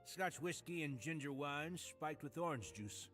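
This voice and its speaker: Genteel bartender. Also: male voice, a little high, expressive, a little slow, a bit bright, faint music behind. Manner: genteel and polite, oddly eager. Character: suave, courteous male hotel bartender who collects ears. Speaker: game character.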